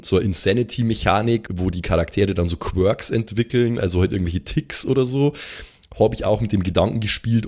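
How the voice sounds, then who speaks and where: With a low, darkish voice, a man with an Austrian accent talks in a relaxed, thoughtful way as a game master, mixing English gamer slang into his German. He is a tabletop game master who regularly appears on podcasts.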